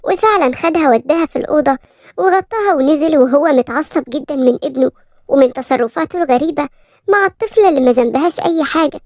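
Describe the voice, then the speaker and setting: Egyptian woman, story narrator, brisk, high voice, fast, dry close sound. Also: animated, a little mellow, no echo. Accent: Egyptian Arabic.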